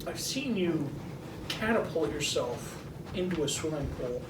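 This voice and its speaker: A man playing an exasperated, sceptical grandchild in improvised comedy, interjecting in a deadpan way. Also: a little high, a little slow. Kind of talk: improvised comedy role-play. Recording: roomy, noisy, distant mic.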